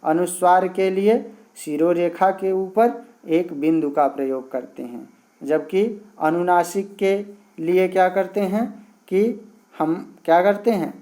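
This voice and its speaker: Slow, patient teacher. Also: medium pitch, dark tone. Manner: poses questions and answers them itself; lists examples one by one. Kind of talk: explaining a grammar lesson.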